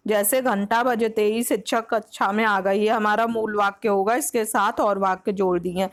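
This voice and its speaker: A woman's voice: mid-range voice, steady tone, moderate pace. A woman teacher with a Hindi accent from Uttar Pradesh, explaining grammar for an exam-prep lesson, patiently repeating each point and slipping English words into her Hindi. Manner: mixes English words like next and example into Hindi.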